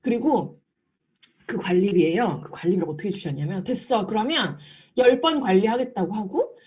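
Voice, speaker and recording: A woman's voice: mid-range voice, normal speed, slightly rough. A woman giving a storytelling lecture at a business seminar, speaking directly to the audience. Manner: animated, acts out quoted dialogue.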